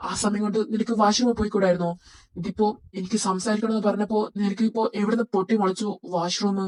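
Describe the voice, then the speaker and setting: A woman's voice: mid-range voice, fairly even intonation, fast, a little mellow, close to an everyday voice, rough recording. A woman voicing a rude, short-tempered young male boss who scolds his assistant. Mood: domineering. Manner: scolding, domineering. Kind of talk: Malayalam fan audio drama.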